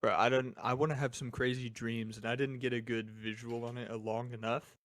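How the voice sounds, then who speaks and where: A man's voice: mid-range voice, level tone, brisk, fairly bright tone. A young man co-hosting a podcast at home, in laid-back casual chat, often answering with short replies. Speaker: podcast co-host.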